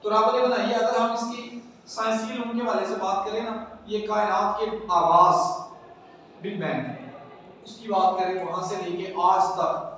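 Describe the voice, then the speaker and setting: Man, religious class lecture, animated, rhetorical questions, high voice, booming hall echo. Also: measured pace. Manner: animated, asks the class rhetorical questions, mixes in English words. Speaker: Islamic lecturer teaching a class. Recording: echoey hall, distant mic, faint background noise.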